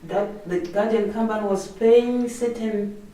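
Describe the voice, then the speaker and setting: A woman from Zimbabwe, a cooperative resident, explaining her story in a measured way in an interview. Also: mid-range voice, fairly even intonation, dark tone. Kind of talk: interview, recounting. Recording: echoey room from far off, faint noise.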